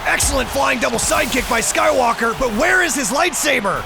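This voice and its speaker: A man's voice: very high voice, animated, a little fast, vocal fry. A man giving emphatic, analytical boxing-style fight commentary, with music behind him. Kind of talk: sports commentary in the manner of a boxing broadcast.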